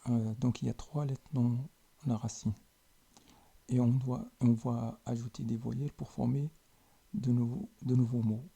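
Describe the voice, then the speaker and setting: A man teaches a language lesson, saying each word slowly and then repeating it. His voice is very dark and mellow, with a gravelly edge. It also sounds a little husky. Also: mid-range voice, flat delivery. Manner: slow and deliberate, repeating each word with pauses. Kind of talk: slow spoken lesson.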